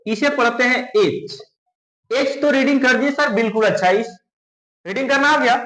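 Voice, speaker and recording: A man's voice: high voice, a bit bright, roomy sound, poor audio. A male teacher from India, giving a pronunciation lesson in Hindi and quizzing his students with repeated questions. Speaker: English teacher.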